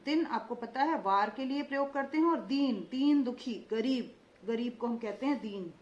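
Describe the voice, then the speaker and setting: This is a young adult woman teacher giving a children's Hindi phonics lesson in a high voice, with roomy, slightly dull lo-fi sound. She draws out each word slowly to emphasize vowel length and regularly checks in with "ठीक है" and call-and-response questions.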